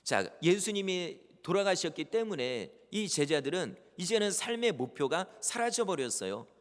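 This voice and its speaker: Male pastor, lively rising and falling pitch, earnest sermon, long church reverb. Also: normal speed. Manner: earnest preaching, voices quoted prayers with rising intensity. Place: church sanctuary.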